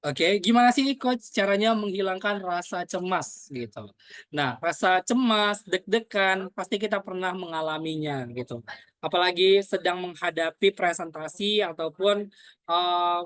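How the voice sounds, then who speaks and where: A woman's voice: fairly low pitch, fairly bright tone, dry recording. A woman teaching a public speaking lesson as a coach. She fills her phrases with "nah" and "eh", voices example lines aloud, and asks herself questions in the name of "Coach". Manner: frequent "nah" and "eh" fillers between phrases. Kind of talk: spoken training lesson.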